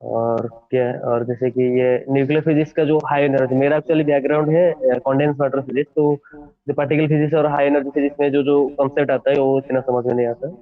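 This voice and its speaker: A young man answering interview questions over a crackly phone line, halting, with many hesitant fillers. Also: mid-range voice, flat delivery. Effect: crackly phone line that cuts out. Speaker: exam topper being interviewed.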